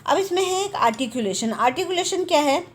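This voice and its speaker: A woman gives an exam-prep lesson. She keeps a lively classroom rhythm, asking questions and answering them herself. She checks in often as she explains. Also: extremely high pitch, a little fast. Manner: lively, asks and answers her own questions, repeats "theek hai". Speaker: teacher.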